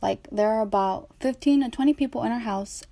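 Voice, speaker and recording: A woman's voice: a little high, fairly quick, warm tone, no echo. A young woman hosting a class podcast, reading her narration and asking interview questions in a plain, chatty, slightly wry way. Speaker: student podcast host and interviewer.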